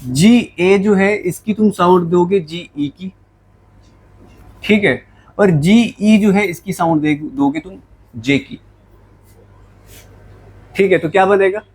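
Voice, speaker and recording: A man with a fairly high voice teaches English vocabulary in a classroom lecture. He switches between Hindi and English and keeps asking his students questions that he answers himself. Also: slow, pauses often, darkish tone, slightly rough, rough recording. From Jammu, India.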